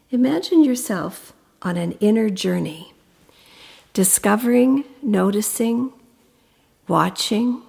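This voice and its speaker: At a medium pitch, a woman gently talks listeners through a guided meditation, soothing and instructive, with pauses. Each phrase fades into a breathy finish.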